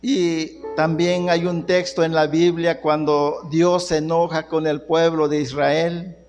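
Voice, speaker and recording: A man's voice: a little high, level tone, takes it slowly, a little mellow, big-room sound, faint music behind. A man preaching a sermon, calling on the congregation as brothers and repeating phrases for emphasis.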